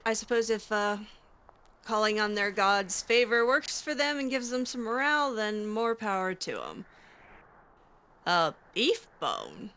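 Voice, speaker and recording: A bright-voiced woman roleplays as a mage while playing a video game, giving casual in-character commentary. She takes her time, her pitch swinging widely as she tosses out sarcastic, skeptical asides.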